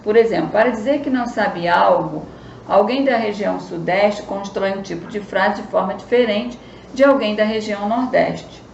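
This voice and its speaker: A woman teacher with a Brazilian Southeast accent gives children a remote lesson, explaining slowly and often checking in with a quick question. Her medium-pitched voice is creaky, and the recording is reverberant and muffled with slight background noise.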